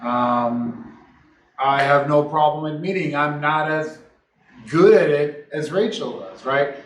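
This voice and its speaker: Easygoing man on a low-quality echoey recording. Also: takes it slowly, a little hiss or hum. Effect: low-quality sound after the mic died. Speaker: realtor, co-host of a couple's channel. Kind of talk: casual chat to camera. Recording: distant, echoey room sound.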